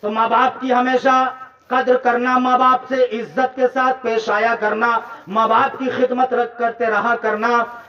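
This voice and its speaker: High-pitched maulana preaching at a big gathering, gets shouty and fiery, sounds far off and dull lo-fi. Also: male voice. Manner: impassioned, rising to shouts, prompts audience chants. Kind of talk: Urdu-Hindi religious sermon with storytelling. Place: large religious gathering.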